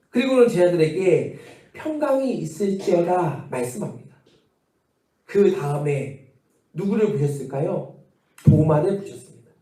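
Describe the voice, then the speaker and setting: A male pastor delivers a sermon in a warm, mellow voice, turning often to the congregation with questions. He slows down to lean on key phrases, then moves quickly through the rest. The sound is roomy and a little distant, as if picked up from across a church sanctuary. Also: high voice. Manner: addresses congregation with rhetorical questions; shifts between slow emphatic and quick phrasing.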